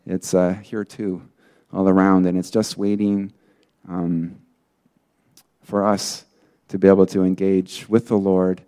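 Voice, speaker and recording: A man's voice: low voice, takes it slowly, long pauses. A man preaching in a casual storytelling way, full of fillers, acting out the people he quotes. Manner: acts out quoted people in lively bursts. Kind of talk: sermon testimony.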